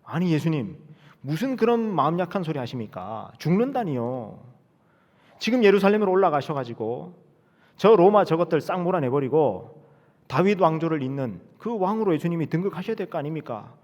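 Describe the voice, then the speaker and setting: A pastor acting out an impetuous male disciple who protests loudly and indignantly. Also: a little high, very animated, fairly quick, long reverb tail, dull audio, voice pushed up.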